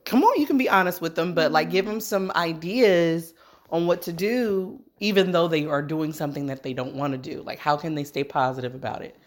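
A woman's voice: deep voice, a little fast. A woman in her thirties, a mother hosting a parenting video, chatting casually and playfully, teasing and laughing often. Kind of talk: casual family chat.

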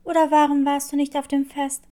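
A woman's voice: high-pitched, flat delivery, a little fast, close to an everyday voice. A kind little kitten girl, voiced by a woman. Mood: caring. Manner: gentle, caring.

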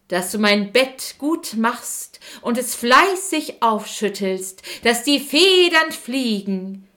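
A woman voicing the old fairytale figure Frau Holle, calm and instructive. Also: a little high.

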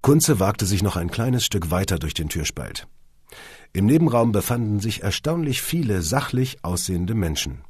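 A man reading an audiobook with wry, lively storytelling. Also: lowish voice, breathy edge, no room sound, studio quality. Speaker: audiobook narrator.

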